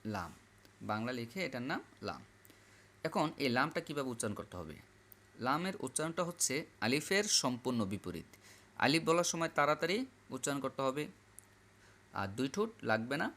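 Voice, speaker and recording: A man teaching Quran reading, patiently repeating each letter aloud in a slow classroom style. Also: mid-range voice, gravelly, a bit bright. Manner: repetitive, drills letters aloud.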